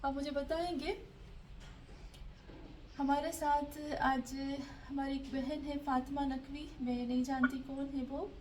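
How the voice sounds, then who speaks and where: Slow, high-voiced woman tajweed teacher. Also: flat delivery. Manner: slow, patient drilling of pronunciation, repeating words. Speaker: Quran recitation teacher. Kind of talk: online tajweed class. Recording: distant mic with faint background noise.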